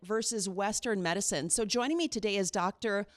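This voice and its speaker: A woman's voice: medium pitch, fairly quick, no room sound, clean studio sound. A woman hosting an interview podcast, upbeat and enthusiastic. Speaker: podcast host. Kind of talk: casual interview chat.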